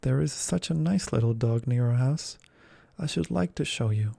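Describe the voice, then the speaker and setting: A man voicing a polite, eager young girl in a soft whispered role-play. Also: medium pitch, lively intonation, normal speed, creaky, dry recording. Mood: earnest. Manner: earnest, eager, soft-spoken.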